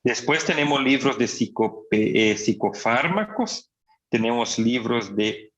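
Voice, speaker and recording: A male psychiatry lecturer speaks at a very unhurried pace, laying out each point with rhetorical questions. His voice sits at an ordinary pitch for a man. The recording sounds dull and lo-fi. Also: lively intonation, fairly bright tone. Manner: slow, deliberate explaining with rhetorical questions; acts out patients' speech.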